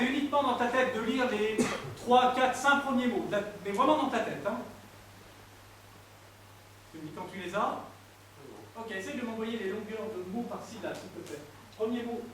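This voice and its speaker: A man's voice: very high-pitched, moderate pace, long pauses, a bit bright, slight background noise. A man performing a live mentalism act on stage, teasing and joking with volunteers from the audience. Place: theater stage before an audience. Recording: echoey hall recorded from far off, with crowd ambience.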